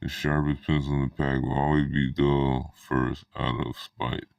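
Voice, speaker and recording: A man talking through a voice changer that drops his voice very deep, rambling hesitantly with many fillers in a casual spoken monologue. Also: little pitch movement, moderate pace, vocal fry, dry recording. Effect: voice changer shifting the pitch very deep.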